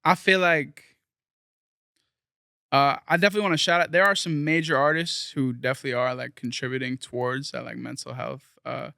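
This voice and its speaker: A man's voice: mid-range voice, steady tone, brisk, gravelly, pushed and bright, dry recording, studio quality. A young man from South Florida, a guest musician talking casually in an interview, rambling earnestly with lots of fillers.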